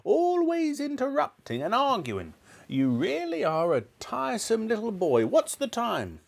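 A man's voice: huge pitch swings, a little slow, creaky, exaggerated voice. A man voicing a nasty, grumpy old grandmother who screeches and snaps spitefully. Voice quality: shrill screeching. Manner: snapping, spiteful, scolding.

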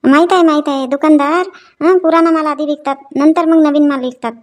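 A woman's voice: high voice, fairly even intonation, fairly quick. A woman playing a mother in a comedy sketch, haggling over prices with a sarcastic, scolding edge. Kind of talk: comic sketch acting.

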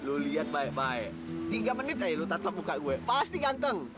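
A man's voice: a little high, a little fast, loud music behind the voice. A cheeky teasing young man. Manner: teasing, boastful, lively banter. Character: cheeky young man Doni, joking matchmaker. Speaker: actor in comedy drama.

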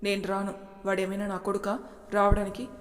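A woman's voice: mid-range voice, completely flat delivery, a little fast, lightly acted. Woman doing a cold grumpy young husband, short snappy lines, voice rings out w long reverb. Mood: curt. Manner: curt and dismissive.

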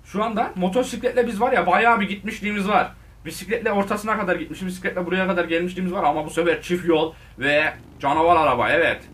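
A man giving casual, excitable commentary on his gameplay, talking straight to his viewers and shouting at the game. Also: high voice, fast talker, hardly any pauses, far from the mic. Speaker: gaming video host.

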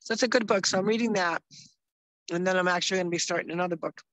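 A woman's voice: on the low side, racing, no echo, rough recording. Woman co-host, chatty and upbeat, casual chat, dry close sound. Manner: chatty, upbeat, loses her train of thought. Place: outdoors in the mountains.

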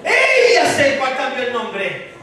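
A man from El Salvador preaching a fiery sermon as pastor, shouting and calling on the congregation to answer. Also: very high-pitched, lively intonation, unhurried, recorded from a distance, background noise. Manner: preaches with shouted calls and call-and-response. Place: large church hall. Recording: echoey hall, mic from afar, congregation.

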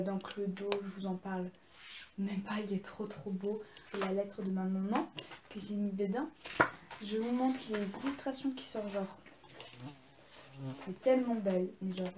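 A woman's voice: medium pitch, dark tone, echoey room, slight background noise. A young woman casually showing her presents, chatty and gushing, with many fillers and restarts. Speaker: vlogger. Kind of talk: casual haul video.

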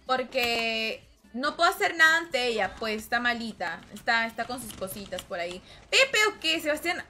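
A woman's voice: a little high, sing-song, normal speed, pushed and bright, faint music behind. A woman streaming a game live from home, chatting and teasing her viewers, often calling them brother. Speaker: gaming livestreamer. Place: home room with her cat nearby.

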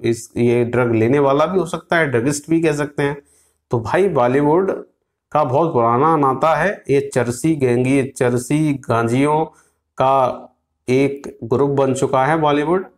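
A man's voice: mid-range voice, a little mellow. A man in his thirties from India, delivering opinionated news commentary to camera in a small indoor room, moralizing and fiery, mixing English phrases in with frequent fillers.

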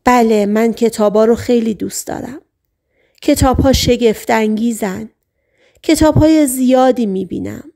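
A woman reading the part of a hypnotized patient who relives a past life as a male sailor, speaking in short, halting sentences as if in a trance. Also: a little high, vocal fry, warm tone. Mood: dreamy. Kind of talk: audiobook reading.

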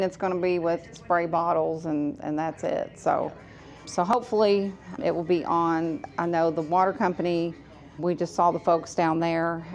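With a fairly low, slightly mellow voice, the owner of a laundromat chats on her vlog from inside one of her shops. She casually breaks things down step by step for the camera.

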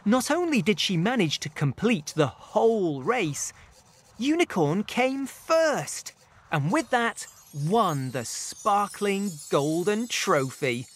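A woman narrating a children's storybook in a gentle, expressive way. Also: mid-range voice, slow, husky.

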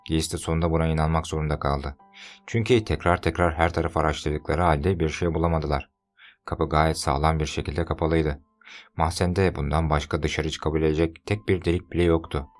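A man narrating an audiobook in a steady, measured reading. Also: very deep voice, faint music behind. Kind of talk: scripted narration.

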